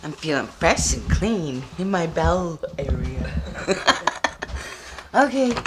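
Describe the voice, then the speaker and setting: A woman's voice: low-pitched, big pitch swings, takes it slowly, heavy background noise. A sleep-deprived woman vlogging from inside a car, giggly and rambling as she talks to herself. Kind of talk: casual vlog talk.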